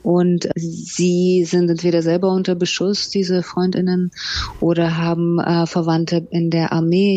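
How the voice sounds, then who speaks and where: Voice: mid-range voice, warm tone, no echo, dull audio. A writer from Russia, giving a radio interview as a guest and speaking thoughtfully with frequent hesitations. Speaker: interview guest, novelist and essayist.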